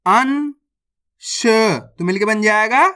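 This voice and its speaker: A reading teacher who sounds out words syllable by syllable, then says each whole, and checks with viewers that it is clear. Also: medium pitch, lively intonation, drawn-out words, pushed and bright. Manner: addresses viewers as friends, asks if it is clear. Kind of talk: slow word-by-word reading lesson.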